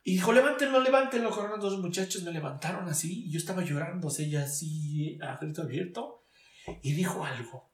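With a fairly high voice and a brisk pace, a guest recounts his faith testimony, emotional, earnest, and searching. He keeps restarting his sentences, captured by a distant mic in an echoey room.

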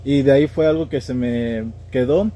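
Speaking at normal speed in a mellow, medium-pitched voice, a young podcast guest from the State of Mexico tells stories in a relaxed, slang-filled way, with his central Mexican accent. A little hiss or hum sits in the recording.

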